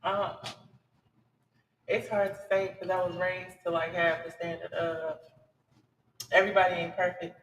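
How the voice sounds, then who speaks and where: A woman of thirty, a podcast guest, talking earnestly and relaxed in casual chat. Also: fairly low pitch, measured pace, pauses often, far from the mic. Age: 30s. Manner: relaxed, earnest, talks it through. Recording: echoey room, away from mic.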